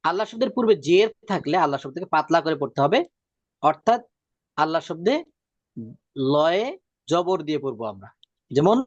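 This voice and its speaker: A man's voice: a little high, no room sound. Patient male Quran reading teacher, dry lo-fi sound. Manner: drawn-out slow demonstration of words; repeats rules patiently. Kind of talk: religious reading lesson.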